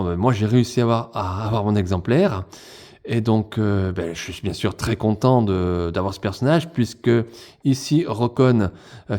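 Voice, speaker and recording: A man's voice: on the low side, dark tone. A man hosting a toy unboxing in a casual, chatty way, talking straight to his viewers as friends.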